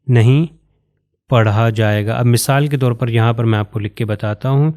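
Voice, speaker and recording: A Pakistani man gives a recorded Quran recitation lesson, patiently working step by step, pointing to written examples and slowing down to recite Arabic phrases with care. His mid-range voice is a little mellow with fairly even intonation.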